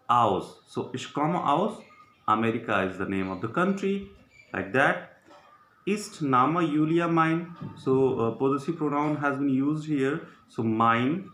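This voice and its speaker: A man teaching German in English, explaining slowly with frequent pauses and fillers. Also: mid-range voice, fairly bright tone. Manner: slow, halting explanations with many fillers, mixing in Hindi. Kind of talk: recorded language lesson. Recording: echoey room with faint background noise.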